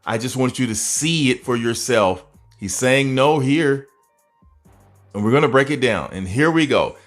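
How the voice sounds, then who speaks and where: A man with a mid-range voice walks viewers through fight footage in an animated manner. He peppers his breakdown with rhetorical questions and chuckling asides. Faint music plays underneath. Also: mid-range voice, unhurried. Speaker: boxing commentator. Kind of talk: video breakdown commentary.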